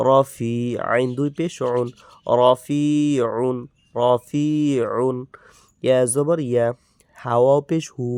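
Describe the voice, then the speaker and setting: A Bangladeshi man teaching Quran reading, spelling out letters and vowel marks and repeating each word slowly in drills. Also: mid-range voice, darkish tone, clear, resonant tone, no echo, clean studio sound. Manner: slow, drawn-out drilling with repeated syllables.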